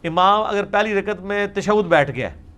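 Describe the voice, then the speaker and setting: A man with a Pakistani Urdu accent teaches in a religious question-and-answer lecture, recorded in a studio. His voice sits a bit high for a man, and he explains things emphatically, with wry asides and English words slipped into his talk. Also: a bit bright. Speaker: Islamic scholar answering questions.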